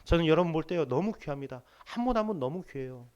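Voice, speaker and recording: Lively, animated preaching man. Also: on the high side, fast talker, smooth, lo-fi sound. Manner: emphatic, lively preaching with humor. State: sick with body aches. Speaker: pastor. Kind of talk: sermon. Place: church sanctuary.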